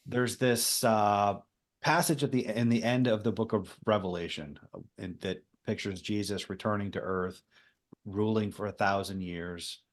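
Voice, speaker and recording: A man co-hosting a podcast, explaining theology in a relaxed, conversational way with frequent ums. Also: fairly low pitch, normal speed. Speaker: podcast co-host. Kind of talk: casual theology podcast discussion.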